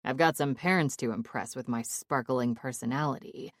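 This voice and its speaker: A man's voice: mid-range voice, normal speed, dry recording, clean studio sound, pitched below the performer's own voice, close to an everyday voice. A woman voicing a cocky, teasing young man who jokes with confident, playful banter in an audiobook.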